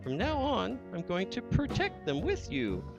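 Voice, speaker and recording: A man's voice: high voice, wildly swooping pitch, a little slow, creaky, over music, pitched above the performer's own voice, full character voice. A man playing a smug, bossy kangaroo who speaks in a haughty manner. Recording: dull lo-fi dry recording.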